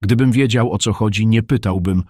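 Brief: man doing a tired, calm grown son muttering, low dry voice, storybook reading. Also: a little fast, husky, no echo. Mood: weary.

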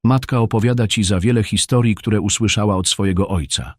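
A man voicing Saul, a weary grown son and farmer who speaks calmly and mutters. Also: fairly low pitch, fairly quick, no room sound, clean studio sound, close to an everyday voice.

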